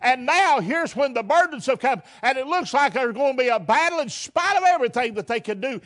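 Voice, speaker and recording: A man's voice: very high-pitched, expressive, fairly quick, fairly bright tone. A man preaching a fervent, folksy sermon, firing rhetorical questions and repeating words as he builds.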